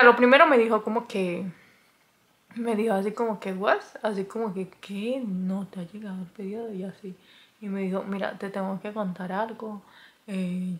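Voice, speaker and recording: A young woman talking to her phone camera in a casual confessional vlog, chatty and dramatic, with nervous laughs and soft murmured asides. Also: medium pitch. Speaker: vlogger.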